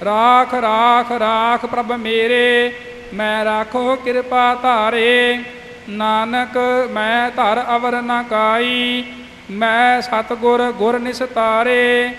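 A man reciting scripture in a slow, steady chant. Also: very high-pitched, echoey room, long reverb tail, faint music behind.

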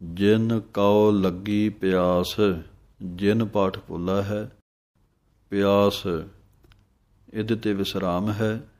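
A man teaching scripture pronunciation, reciting verses slowly and deliberately, then explaining each letter and vowel mark. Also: lowish voice, steady tone, a little mellow. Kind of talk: pronunciation lesson with slow drawn-out recitation.

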